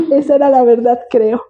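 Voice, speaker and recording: An older woman with a Mexican accent, a retired special education teacher telling her life story in an interview, reminiscing warmly with frequent laughter. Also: high voice. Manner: warm reminiscing, laughs often.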